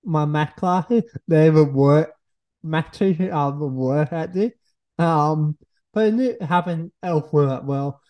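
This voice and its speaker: A young woman guest on a podcast, speaking in a halting way and searching for words with pauses and "uh". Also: low-pitched, mellow. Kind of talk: casual conversation. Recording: dull lo-fi recording.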